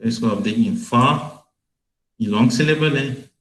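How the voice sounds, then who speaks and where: Slow, patient man in an echoey room. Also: fairly low pitch, steady tone. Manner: slow, patient explaining with frequent pauses. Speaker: tutor explaining Urdu prosody software. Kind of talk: screen-share tutorial.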